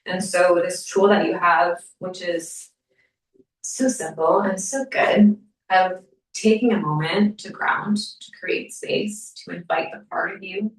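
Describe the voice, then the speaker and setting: A woman guides a small group through a somatic workshop, her voice gentle and sometimes sinking to a soft whisper. She sits a little back from the mic, and the room around her rings with echo. Her pitch sits low for a woman. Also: fairly even intonation, takes it slowly. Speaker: somatic practitioner leading a workshop. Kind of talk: workshop teaching and Q&A. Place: room at a wellness center with a live group. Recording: echoey room, mic far off.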